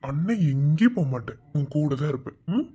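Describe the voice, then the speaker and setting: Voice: medium pitch, expressive, a little fast, dull audio, close to an everyday voice. A performer voicing a loving elder brother in a cartoon, tenderly soothing his sister.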